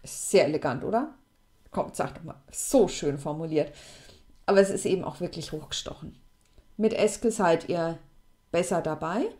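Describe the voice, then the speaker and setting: A woman, explaining French question forms to students in a lively, chatty way. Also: normal speed. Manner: lively, chatty, plays with pitch for emphasis. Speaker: French teacher.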